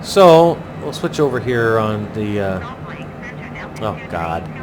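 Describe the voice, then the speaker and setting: Chatty male pilot over a noisy rumble. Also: slow. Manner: chatty, thinking aloud, using pilot jargon. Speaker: flight simulator pilot and host. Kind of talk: casual narrated flight commentary. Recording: clearly noisy, steady low engine-like rumble.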